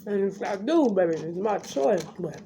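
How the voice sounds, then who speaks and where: A woman's voice: mid-range voice, animated, normal speed, creaky. A young woman chatting casually to camera, telling a story in a blunt, unfiltered, slangy way. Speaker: vlogger telling her birth story. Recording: background noise, home ambience.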